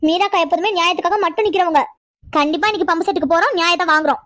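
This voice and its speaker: A woman's voice: extremely high pitch, very fast, a bit bright, dry recording. A woman voicing a cheerful, eager young village girl in a cartoon, chatty and sweet. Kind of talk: cartoon voice acting.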